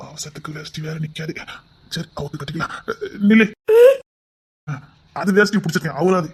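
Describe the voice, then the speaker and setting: A woman's voice: low voice, fairly quick, slightly rough. A woman, voicing an ardent young man who coaxes his angry sweetheart affectionately in an amateur romantic audio drama, at times in a whisper. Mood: coaxing. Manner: coaxing, affectionate, sometimes dropping to a whisper.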